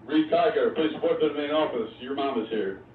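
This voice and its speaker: A man making a brisk, repeated announcement over a school intercom loudspeaker. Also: a little high. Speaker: school office staff. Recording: tinny echoey intercom from far off, noisy.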